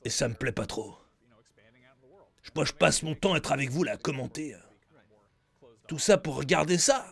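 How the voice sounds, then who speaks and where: A man's voice: a little high, expressive, normal speed, vocal fry, long pauses, husky. A man chatting on a live stream, joking and teasing his viewers in a theatrical, mock-grandiose way. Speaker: streamer commenting a live game show. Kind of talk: casual live-stream chat.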